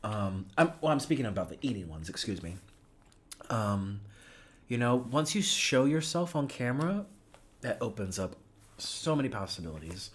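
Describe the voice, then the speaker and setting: A man's voice: mid-range voice, very animated, normal speed. A man, a mukbang YouTuber, chatting casually while eating, laughing often and trailing off with fillers.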